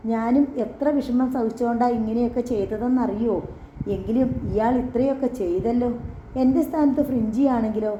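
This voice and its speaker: A woman reading as a gentle young man in a storybook, soft and consoling, slow in his comfort. Mellow, warm tone in a roomy, lo-fi recording. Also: a little high, slight background noise, lightly acted.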